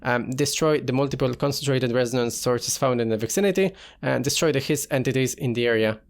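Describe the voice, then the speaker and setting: A man's voice: mid-range voice, a little fast, creaky. A man giving casual gameplay commentary as a let's player, talking himself through the game and reading in-game text aloud.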